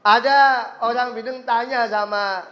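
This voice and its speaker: A man's voice: extremely high pitch, steady tone, measured pace, sharp tone, muffled recording. A man teaching a religious education class, joking with pupils, asking them questions and acting out short stories. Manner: jokey, asks pupils questions, acts out voices in anecdotes. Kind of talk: classroom lesson with storytelling.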